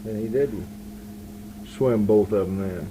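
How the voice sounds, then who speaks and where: A man's voice: on the low side, measured pace. A man interviewing someone casually, rambling and often breaking off his own sentences to start again. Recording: noisy 1981 amateur interview recording.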